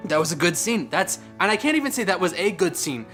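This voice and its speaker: Tipsy male reviewer, rambling and sweary, very animated delivery over background music. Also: high voice, quick pace. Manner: drunk, rambling, getting drunker; profane, ranting. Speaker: movie reviewer. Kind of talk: casual comedic film review chat.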